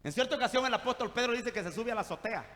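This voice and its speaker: Lively Salvadoran preacher in an echoing hall. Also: male voice, very high voice, rapid-fire. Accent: Salvadoran Spanish. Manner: animated, jokey, addresses listeners as brother. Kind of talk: sermon.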